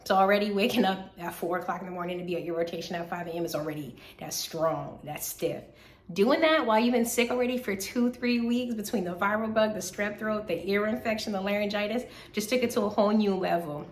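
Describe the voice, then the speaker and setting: Chatty slightly hoarse woman. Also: medium pitch, a little fast, reverberant. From Southern United States. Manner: chatty, animated storytelling, repeats phrases for emphasis. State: slightly hoarse from recent illness. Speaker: third-year medical student vlogger. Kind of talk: casual vlog life update.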